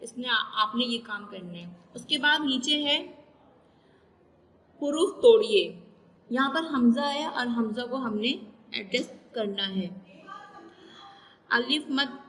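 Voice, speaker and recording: Woman teacher, slow and patient, bright voice, spells out letters, stretches sounds, long reverb. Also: on the high side, lively intonation, slight background noise. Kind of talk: recorded class lesson.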